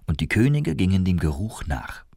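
A man narrating a storybook tale with lively expression. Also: low voice, moderate pace, gravelly, heavy background noise. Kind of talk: storybook reading.

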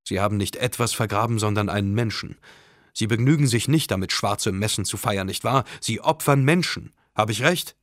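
A man's voice: lowish voice, normal speed, a bit bright, dry recording, natural voice. A man reading an audiobook, voicing a frightened but stubborn young man in a voice close to his own. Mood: insistent.

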